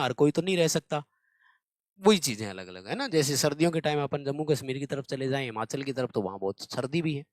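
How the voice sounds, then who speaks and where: Guy going over exam questions, slightly high voice, super dry close mic. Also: dry recording. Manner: explains step by step, repeats key answers, asks rhetorical checks. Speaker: exam prep teacher. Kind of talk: Hindi exam-prep lesson.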